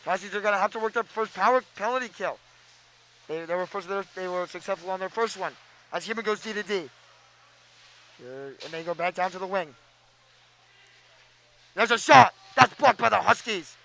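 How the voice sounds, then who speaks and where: Excitable high-voiced young play-by-play man. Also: vocal fry, slight background noise, low-quality recording. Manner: excitable, fast, stumbles over names. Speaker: play-by-play announcer. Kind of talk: live hockey play-by-play commentary.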